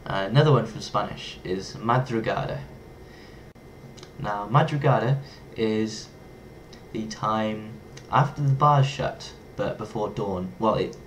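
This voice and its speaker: There's slight background noise as a young man from England, fairly low in pitch, talks to camera in a casual vlog. Filming on his webcam in a small bedroom, he has an English accent and a playful, lively manner, toying with foreign words.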